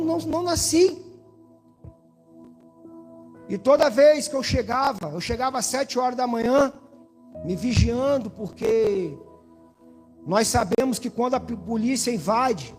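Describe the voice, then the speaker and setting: A man with a Brazilian accent from Espírito Santo, giving a testimony in an evangelical church and speaking directly to the pastor and the congregation. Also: extremely high pitch. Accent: Brazilian Portuguese, Espírito Santo. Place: church hall. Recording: church hall reverb with faint music.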